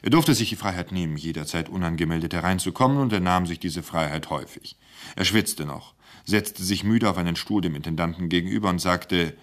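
A man narrating a literary satire in a dry, measured storytelling manner. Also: sits low.

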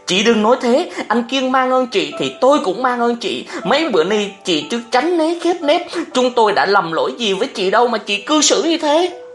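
A woman's voice: sing-song, moderate pace, hardly any pauses, soft background music. A man voicing a young woman who argues angrily and pleads with her family in a storybook reading. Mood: indignant. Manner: shrill, indignant, pleading.

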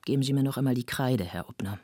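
A woman's voice: rumbling low, fast, warm tone, breathy edge, no echo, studio quality. A woman reading a novel aloud, voicing a stern older businessman who speaks in a curt, disapproving way. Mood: indignant.

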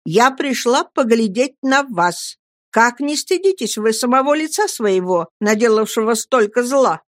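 Woman doing a cold, scornful young woman for an audiobook, high and dry, icy contempt. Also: lively intonation, moderate pace, no room sound, close to an everyday voice. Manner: contemptuous, through gritted teeth.

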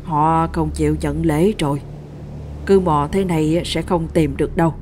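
A woman's voice: low-pitched, fairly even intonation, normal speed, a little mellow, a little hiss or hum, close to an everyday voice. A woman doing a stern village elder who knows spirits. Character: older village man versed in spirit matters, stern. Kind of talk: storytelling.

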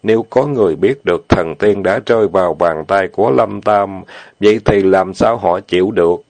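A man narrating an audiobook novel in a steady, plain reading. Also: sits low, normal speed, dry recording. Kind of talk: storytelling narration.

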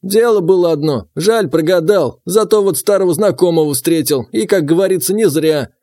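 A man voicing a gruff, grumbling old huntsman who talks to his apprentice. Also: high voice, normal speed, mellow, voice pushed up. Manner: grumbling, brusque.

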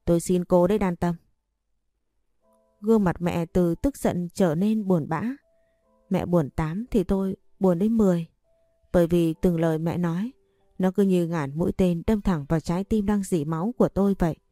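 Female storyteller, low pitch, sorrowful first-person narration, soft music bed. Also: moderate pace, dry recording, clean studio sound.

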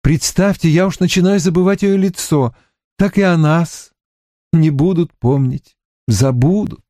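A man reading the part of a moody, sharp-tongued young woman in an audiobook, lifting his voice higher. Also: measured pace, no echo, studio quality, natural voice. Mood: wistful. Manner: lifts voice higher, gossipy and scornful.

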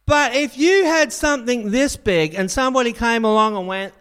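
A man preaching a sermon in a church, a jokey, animated storyteller. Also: very high-pitched, normal speed, clean tone.

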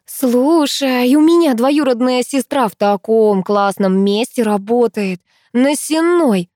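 A woman voicing a chatty, excitable teenage schoolgirl who gossips in rapid chatter. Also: fairly high pitch, dry recording, voice pushed up. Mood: chatty, excited.

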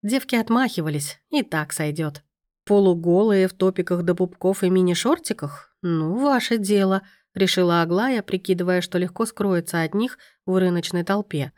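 Low-voiced woman narrating wryly. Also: a little mellow, no room sound, clean studio sound. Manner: wry, sardonic storytelling. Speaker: audiobook narrator. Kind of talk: scripted narration.

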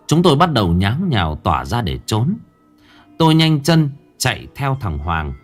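A man reading out a ghost story in a suspenseful, scripted storytelling style. His pitch rises and falls a great deal, at a medium height for a man. Soft music plays faintly underneath. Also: huge pitch swings, moderate pace. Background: faint background music.

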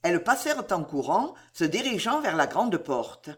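A historical adventure novel is being narrated for an audiobook by a medium-pitched voice that is expressive and carefully measured.

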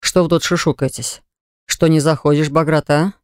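A woman narrator voicing a wary grown man who speaks calmly and conciliatingly. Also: sits low, normal speed, dry recording, studio quality, close to an everyday voice. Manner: squinting, conciliatory.

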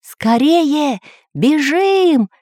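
A woman voicing an excitable male professor in a storybook reading, with urgent, eager exclamations. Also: low voice, measured pace, no echo, clean studio sound. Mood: alarmed.

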